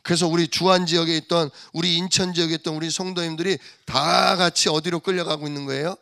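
A male pastor in full sermon flow, his voice sitting a touch higher than most men's. He preaches with fervor and acts out the voices of mockers and grieving church members. His delivery climbs high and then drops low. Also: steady tone, fast talker, vocal fry, bright, forceful tone, smooth. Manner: impassioned preaching, acting out mockers and church members, rising and dropping sharply.

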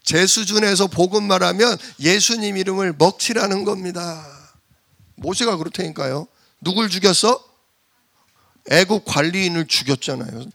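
A man preaching a sermon in a lively way, acting out the voices of the people he quotes. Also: sits high, normal speed, gravelly. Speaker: pastor.

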